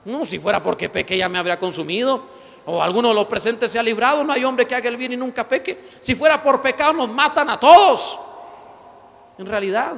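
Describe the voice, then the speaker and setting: A male pastor preaching a passionate sermon, swinging between shouted declarations and quiet storytelling. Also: very high-pitched, fairly quick, vocal fry. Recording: reverberant church hall.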